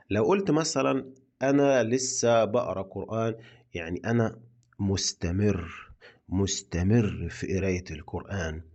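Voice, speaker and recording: Egyptian man teaching slowly, repeating himself. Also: on the low side, darkish tone. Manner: repeats example sentences slowly for learners. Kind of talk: slow, repetitive language lesson.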